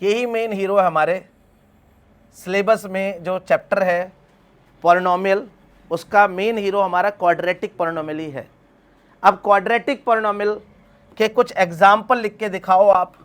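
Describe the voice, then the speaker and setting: A man's voice: high-pitched, fairly even intonation, moderate pace, a bit bright. A man teaching a math class, asking his students questions and then answering them himself. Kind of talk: classroom lecture.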